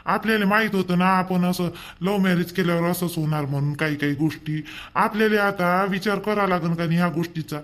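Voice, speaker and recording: A man's voice: high voice, fairly quick, a bit bright. A man playing a pleading young husband. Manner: pleading, coaxing. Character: young husband soothing his wife. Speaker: actor in a family drama. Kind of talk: amateur family drama acting.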